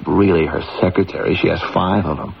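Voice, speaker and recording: Meek, gravelly, low-voiced lonely man. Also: fairly even intonation, brisk. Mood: timid. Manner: hesitant, stammering, deferential. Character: meek, lonely forty-two-year-old office underling, self-pitying, timid. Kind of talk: radio drama acting. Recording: dull, hissy radio recording.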